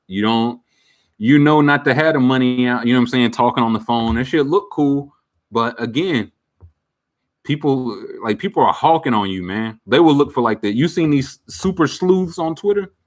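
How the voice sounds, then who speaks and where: This streamer, a man around thirty, speaks at a medium pitch and an unhurried, moderate pace. Fielding viewer questions in a relaxed chat, he comes across as open and thoughtful, peppering everything with slang and fillers.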